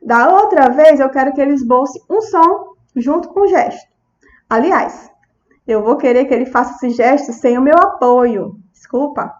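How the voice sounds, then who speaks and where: A woman's voice: sits high, normal speed, muffled recording. A woman with a Brazilian Portuguese accent, a speech therapist giving a lecture who acts out sounds and words to show how she works with a child. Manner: checks in with the audience often. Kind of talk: lecture with demonstrations.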